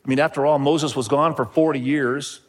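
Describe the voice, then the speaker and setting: A man's voice: fairly high pitch, fairly even intonation, normal speed. A middle-aged man who grew up in Indonesia, preaching a sermon to his church in an earnest way, often repeating phrases and calling out to the congregation. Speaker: pastor.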